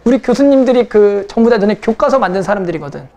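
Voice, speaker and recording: A woman's voice: medium pitch, animated, quick pace, background noise. A young woman math teacher lecturing a class, casual and teasing, who keeps checking in with her students.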